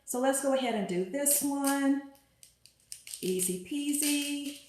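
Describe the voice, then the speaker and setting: A woman's voice: high voice, slow, a little mellow, a little hiss or hum. A woman hosting a home cooking demonstration, chatting upbeat as she works and talking herself through each step. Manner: chatty, upbeat, thinks aloud while working. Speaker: cooking show host. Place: home kitchen. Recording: very echoey room with music behind.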